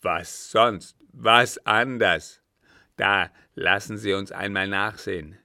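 A man voicing a gruff, scheming male captain who is quick to rage, reading him loudly and forcefully in an audiobook. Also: low-pitched, steady tone, dry recording, studio quality, heavily acted. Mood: grim. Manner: loud, forceful, grim. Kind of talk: audiobook character voice.

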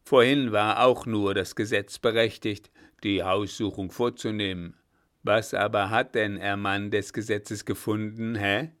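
A blustering old field marshal with a loud, booming, scolding voice, as a male reader puts him on. He is gruff and quick to anger in this storybook reading, his tone low and settled underneath the bluster. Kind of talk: audiobook reading.

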